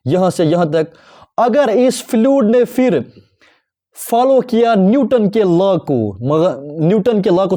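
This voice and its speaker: Guy teaching an exam prep class, high but mellow voice, keeps asking and answering his own questions. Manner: asks the class questions and answers them himself, repeating key terms; slows down to read English definitions word by word. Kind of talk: recorded exam-prep lecture.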